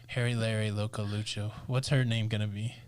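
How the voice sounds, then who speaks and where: A man's voice: on the low side, level tone, fairly quick, clear, resonant tone, dry recording. A man co-hosting a casual live cruise stream, joking around and reading out viewer names and super chats, his eyes watering and nose running. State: eye watering, sniffly. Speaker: co-host of a live cruise show.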